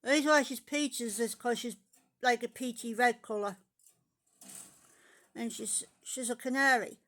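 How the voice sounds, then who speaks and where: A woman's voice: on the high side, unhurried, a bit bright. A woman talking to her pet parrot in sing-song baby talk, coaxing it to repeat words.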